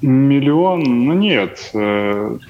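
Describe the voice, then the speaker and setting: A young man with a medium-pitched, animated voice and drawn-out words answers questions as a panel guest. He's casual but hesitant, thinking aloud as he goes, and the recording is muffled and noticeably noisy.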